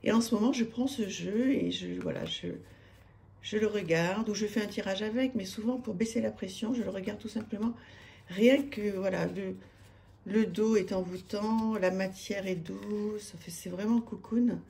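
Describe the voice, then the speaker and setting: A woman's voice: mid-range voice, fairly even intonation, moderate pace, vocal fry, dark tone. A woman, chatting to camera about her tarot decks, hesitant with many fillers and restarts, enthusiastic. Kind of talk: casual chat to camera. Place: home room with street noise outside.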